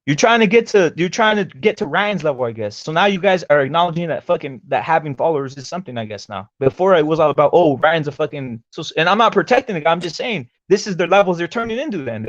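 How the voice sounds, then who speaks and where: A man's voice: a little high, animated, quick pace, few pauses, no echo. A man hosting a casual, profane talk stream, talking like a brash frat bro in slangy, swear-heavy bursts. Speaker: host of a boxing talk show. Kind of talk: casual profane live panel chat. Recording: dull lo-fi streamed audio.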